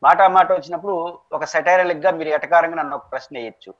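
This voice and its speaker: A man's voice: on the high side, fast. A man with a Telugu accent answering as a political analyst in an interview, arguing his points with rhetorical questions. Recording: dull lo-fi recording.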